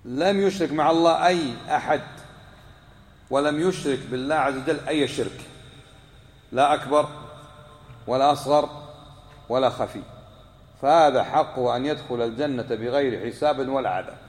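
At a moderate pace broken by long pauses, a mid-range male religious teacher delivers a lesson to a live class. He poses questions to the listeners and repeats important points, all captured in an echoey hall with long reverb.

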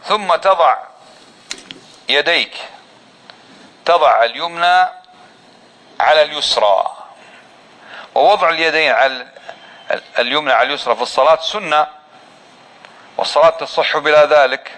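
A man teaching a religious lesson on prayer, asking his listeners questions and answering them himself, and slowly drawing out the phrases he demonstrates. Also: a little high, bright, forceful tone, rough recording. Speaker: Islamic teacher.

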